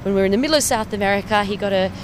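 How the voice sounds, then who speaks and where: A woman's voice: medium pitch, very fast, faint music behind. A woman in her thirties from Perth with an Australian accent, telling her own story in a chatty, enthusiastic way with small laughs, outdoors on a city street. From Perth, Western Australia. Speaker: cycling campaign officer. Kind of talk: casual personal account to camera.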